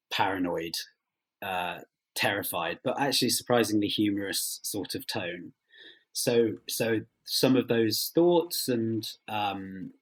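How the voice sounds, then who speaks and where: In a low-quality recording, a writer being interviewed answers in a fairly low voice with a breathy edge. Thoughtful but hesitant, he speaks haltingly and keeps rephrasing, letting thoughts trail off.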